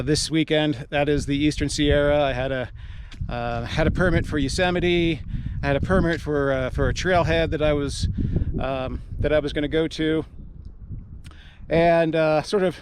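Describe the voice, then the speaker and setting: Higher-voiced American man talking through a mask. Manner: speaking through a face mask. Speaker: outdoor video host. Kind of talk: casual vlog talk to camera. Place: outdoors at a mountain trailhead. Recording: noisy outdoor camera audio.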